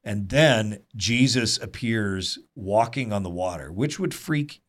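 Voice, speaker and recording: Earnest low-voiced man teaching Bible study. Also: slow. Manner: earnest, animated storytelling with asides.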